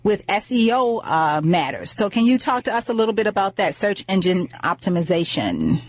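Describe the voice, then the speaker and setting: A woman's voice: medium pitch, big pitch swings, moderate pace. A woman hosting a radio talk show, upbeat and chatty, repeating words and using fillers.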